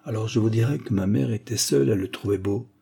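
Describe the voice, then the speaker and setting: A man's voice: on the low side, quick pace, creaky, warm tone, husky, exaggerated voice. A man voicing a shy, hesitant young widowed mother in a romance story read aloud. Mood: bashful. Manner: hesitant, modest.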